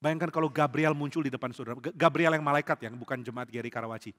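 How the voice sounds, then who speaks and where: A man preaching a lively sermon to a congregation as pastor, acting out little dialogues and jokes. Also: medium pitch, quick pace. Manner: animated, acts out quotes and jokes with the congregation. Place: large church hall. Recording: church hall reverb.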